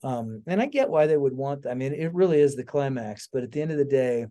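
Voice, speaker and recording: Talking at a quick pace, a man with a mellow, medium-pitched voice and lively intonation hosts a laid-back podcast conversation. He's an author who tells stories full of emphatic asides, checking in with his listener often.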